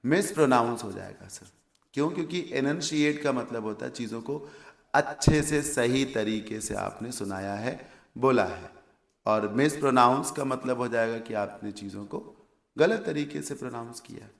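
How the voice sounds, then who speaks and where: Gravelly Indian male English teacher. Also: mid-range voice, normal speed, reverberant. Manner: explains word meanings step by step, asks and answers his own questions. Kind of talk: exam vocabulary lesson.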